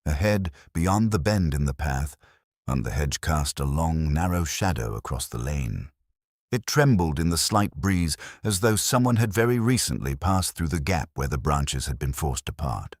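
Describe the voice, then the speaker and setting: A man narrating a mystery audiobook in a measured, expressive storytelling manner. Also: very deep voice, no echo, clean studio sound.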